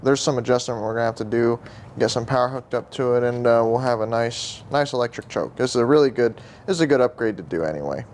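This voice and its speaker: A young man giving casual running commentary while fixing a carburetor at an outdoor workbench, in a relaxed way with muttered asides to himself. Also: medium pitch, fast talker, a little hiss or hum. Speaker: vlogger working on a carburetor. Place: outdoor workshop table beside a truck.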